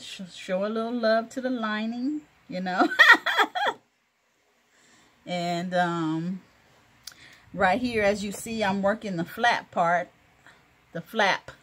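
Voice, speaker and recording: Slow-talking woman chatting through a sewing tutorial. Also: medium pitch. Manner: chatty and encouraging, laughs often, many fillers. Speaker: crafting video host.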